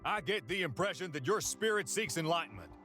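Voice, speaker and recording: A man's voice: a little high, expressive, a little fast, close to an everyday voice. An actor playing a menacing, bossy male yogi guru in a game. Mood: stern, bossy. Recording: game music behind the voice.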